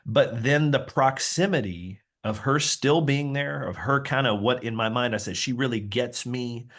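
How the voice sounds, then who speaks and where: A man's voice: mid-range voice, moderate pace, fairly bright tone. A middle-aged man, a pastor, telling his own story as an interview guest in an earnest, confessional way, often restarting his sentences. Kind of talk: candid personal testimony.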